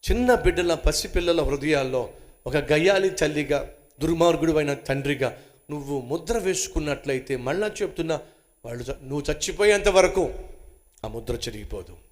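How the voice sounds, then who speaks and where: A man preaching a sermon, emphatic, asking rhetorical questions and answering them himself, swinging between loud outbursts and hushed asides. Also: on the high side, a little fast.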